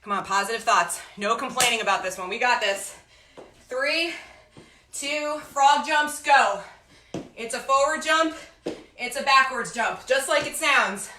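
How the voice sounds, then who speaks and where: A woman leads an online workout as a gym coach, breathless from exercise. Her voice is high and forceful, pushing listeners on with urgent, encouraging calls. The room around her rings with a strong echo. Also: measured pace. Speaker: fitness instructor leading a home workout. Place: echoey indoor room with hard floor at home. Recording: very echoey room, faint noise.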